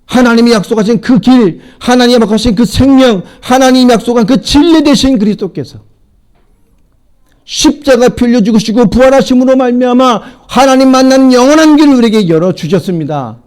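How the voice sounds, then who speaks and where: A middle-aged pastor delivers a sermon in a high-pitched male voice, expressive and brisk. He shoots questions at the congregation and shifts between loud, emphatic lines and quiet asides.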